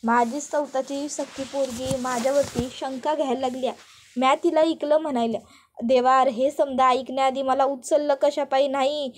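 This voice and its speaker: A woman narrator takes on the role of a melodramatic middle-aged village mother-in-law, wailing in a high, raised voice that carries well yet stays close to an everyday voice. In a rustic, theatrical rural dialect, she pleads, protests, and swears her innocence.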